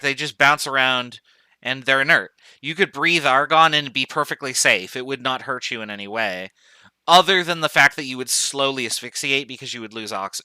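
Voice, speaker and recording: A man's voice: medium pitch, pushed and bright, clear, resonant tone, no echo. A man teaching an online chemistry class in a casual, joking way, thinking aloud with fillers as he goes. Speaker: chemistry professor. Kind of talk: online lecture.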